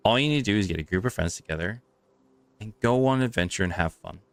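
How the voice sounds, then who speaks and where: A man with a smooth, fairly low voice signs off a live tabletop game stream as its game master. He talks in a rambling, grateful way, often restarting his sentences. His voice sits close and dry on the mic. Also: lively intonation, fast, no room sound.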